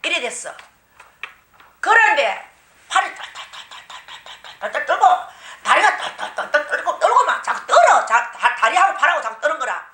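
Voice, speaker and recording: A woman shaman with a Gyeongsang accent telling her own story, animated and often laughing, acting out the people she quotes. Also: high-pitched, normal speed. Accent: Gyeongsang Korean. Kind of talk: personal storytelling. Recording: echoey room.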